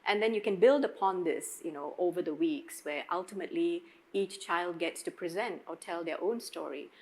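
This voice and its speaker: Lady on a panel, lowish pitch, reflective, explaining stuff with emphasis. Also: normal speed, low-quality recording. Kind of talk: panel discussion.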